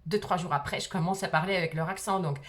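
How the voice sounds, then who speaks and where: Speaking fast in a lowish, fairly level voice, a middle-aged vlogger from Russia shares a personal story on camera. A slight Russian accent comes through, and she hesitates a lot, dropping frequent "euh" fillers.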